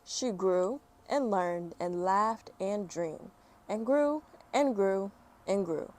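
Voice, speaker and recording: A medium-pitched woman reads a picture book for children in an unhurried, expressive way, with relaxed, chatty asides.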